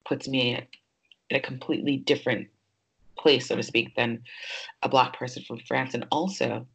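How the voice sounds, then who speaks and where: A woman's voice: rumbling low, fairly even intonation, normal speed, vocal fry, a bit bright, breathy edge. A woman who grew up in New York hosts a podcast, speaking in a casual, reflective way with many fillers as she thinks aloud. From New York, United States. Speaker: podcast host.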